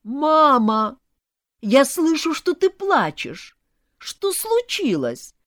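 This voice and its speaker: A woman's voice: lowish voice, very animated, measured pace, no echo, clean studio sound. A woman voicing a spoiled young male snake groom who whines helplessly about his mother. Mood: whiny. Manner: wailing, helpless.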